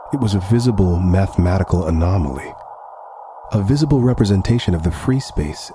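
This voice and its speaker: The actor, a low-pitched man with a natural-sounding voice, performs a humanlike AI android for a sci-fi audio drama over a noisy background. Each phrase is formal, deliberate and measured, with a wistful pride.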